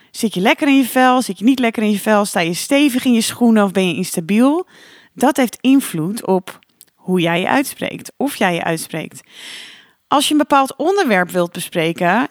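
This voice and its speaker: A woman hosting a solo podcast as a coach, talking in a calm, reflective and encouraging way with the odd filler sound. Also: mid-range voice, dry recording, clean studio sound.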